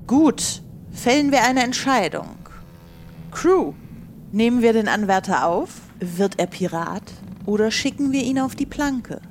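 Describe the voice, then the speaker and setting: A woman's voice: on the high side, expressive, measured pace. A woman playing a pirate captain who leads a crew, in an improvised audio adventure. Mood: commanding. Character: pirate captain Sam leading her crew's vote. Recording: faint ambient noise behind voice.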